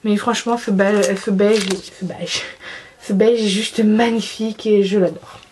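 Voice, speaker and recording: A woman's voice: medium pitch, fairly even intonation, a little slow, darkish tone, slight background noise. A young woman chatting casually about her favorite makeup, giggling, restarting sentences and poking fun at herself. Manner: chatty, giggly, self-deprecating, frequent restarts. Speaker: beauty vlogger.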